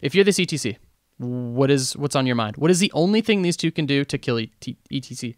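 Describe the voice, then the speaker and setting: Man, game coach, casual replay breakdown, dry close mic, animated, quizzing. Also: mid-range voice, brisk, no echo. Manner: animated, asks the team questions, many fillers. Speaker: esports coach reviewing replays.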